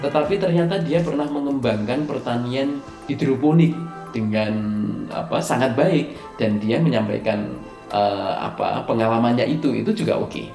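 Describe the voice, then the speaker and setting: A man's voice: medium pitch, normal speed, darkish tone. A man teaching presentation skills over slides, explaining with hesitant fillers and stressing key words. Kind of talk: recorded slide lecture. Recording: echoey room, faint music underneath.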